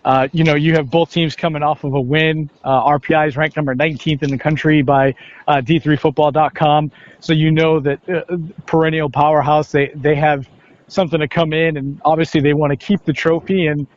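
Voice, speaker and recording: Heard through a dull, muffled, band-limited lo-fi recording, this man speaks with a somewhat high, level-toned voice. He's a radio play-by-play sports announcer being interviewed, talking casually while pausing and repeating words.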